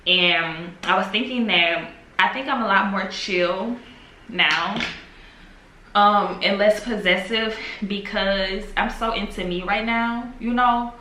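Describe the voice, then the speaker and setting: A woman in her twenties, talking to the camera in a casual, reflective vlog, musing slowly and trailing off with fillers at home. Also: medium pitch, pushed and bright, a little hiss or hum. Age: 20s. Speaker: vlogger. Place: home, in the evening. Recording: echoey room with faint ambience.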